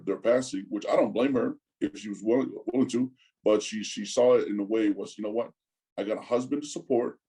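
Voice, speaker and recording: His fairly low voice carries vocal fry and a mellow, slightly rough quality, captured on poor audio. He's a Tongan man in his forties, a casual interview guest who halts, repeats himself, and says "man" a lot.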